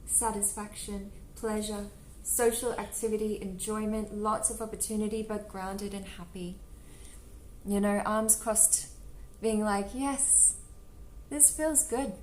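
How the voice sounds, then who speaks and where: A woman gives a casual tarot reading to camera in a loose, chatty way, full of "like" fillers and quick giggles. Her voice sits at an ordinary middle pitch for a woman. The room echoes around her, with faint ambient noise behind. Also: little pitch movement, darkish tone. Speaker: tarot reader. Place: home room with birds nearby. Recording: roomy echo with faint background ambience.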